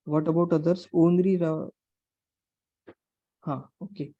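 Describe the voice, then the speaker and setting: This instructor teaches programming in an online class, using Indian-accented English, step-by-step explanations, repeated phrases, and questions to check comprehension. His mid-range voice is level, warm and measured. The call microphone recording has no echo and lacks high frequencies.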